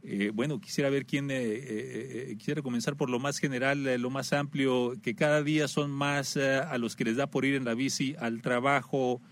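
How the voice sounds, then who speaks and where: A man's voice: mid-range voice, steady tone, moderate pace, hardly any pauses. A man hosting a radio talk show, conversational and full of "eh" fillers. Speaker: radio host.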